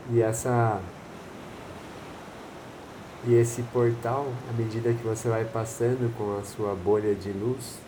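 A man with a Brazilian accent leading a guided meditation in a slow, soothing manner, with long pauses. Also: medium pitch, background noise.

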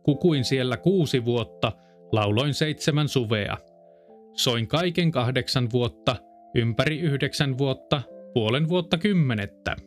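A man's voice: medium pitch, animated, soft background music, close to an everyday voice. A man voicing a proud, boastful male rooster who chants his verses in a fairy-tale reading. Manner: boastful, crowing sing-song verse.

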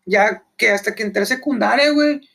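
A young man with a Mexican accent and an unusually high voice, chatting casually in a laid-back, slangy way. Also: a little fast, vocal fry, bright, forceful tone. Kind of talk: casual chat.

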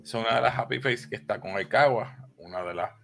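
A man, co-hosting a casual anime discussion, talking in an excitable, rambling way and dropping in English words. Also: lowish voice, brisk, vocal fry, soft background music. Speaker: co-host.

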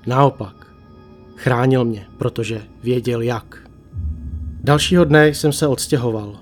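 A man reading a first-person horror story aloud, slow and hushed, with long dramatic pauses. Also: medium pitch. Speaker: narrator. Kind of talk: creepypasta narration. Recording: faint music bed.

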